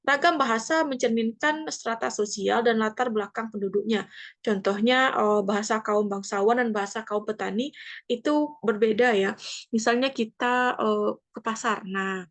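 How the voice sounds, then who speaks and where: Woman teaching in a fairly high voice. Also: moderate pace. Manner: explains point by point, often asking and answering her own questions. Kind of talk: classroom lecture.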